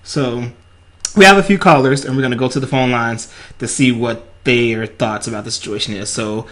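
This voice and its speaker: A man co-hosting a radio talk show, talking in an animated, halting way with lots of "you know" and restarts. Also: medium pitch. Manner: animated, halting, repeats himself, says "you know" a lot. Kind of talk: casual opinion chat.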